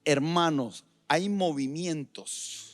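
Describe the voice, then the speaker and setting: A middle-aged man preaching a sermon as pastor in a church, moving between loud emphatic lines and quiet asides. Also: fairly high pitch, slow.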